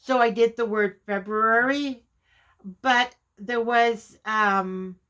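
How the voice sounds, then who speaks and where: A woman vlogger chatting casually while demonstrating her journaling supplies, chatty and quick to laugh at herself. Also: a little high, fairly even intonation, a bit bright, clear, resonant tone. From Canada. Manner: chatty, self-deprecating, exclaims often. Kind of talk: casual craft vlog demonstration.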